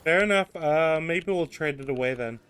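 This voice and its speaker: Young male co-op gamer, smooth clear voice, a bit higher, easygoing short replies. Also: moderate pace, fairly bright tone. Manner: agreeable, short replies, hesitant. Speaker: gamer co-op player. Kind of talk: casual gameplay chat.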